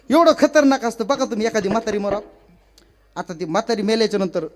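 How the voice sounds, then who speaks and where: A man preaching a comic devotional sermon, telling stories and acting out village women in a high wailing voice. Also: darkish tone. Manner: addresses listeners as maharaj. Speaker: kirtan preacher.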